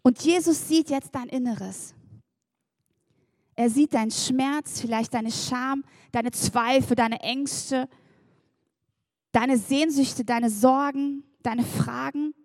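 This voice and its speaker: High-voiced woman preaching, dry sound. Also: slow, no echo. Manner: lively and chatty, laughs and addresses the congregation directly. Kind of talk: sermon.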